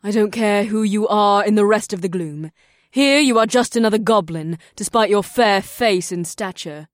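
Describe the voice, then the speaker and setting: A man's voice: high voice, moderate pace, no room sound, studio quality, voice pushed up, close to an everyday voice. A man voicing an imperious older female warrior chief in an audiobook, with a rich, ringing, authoritative delivery. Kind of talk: audiobook character voice.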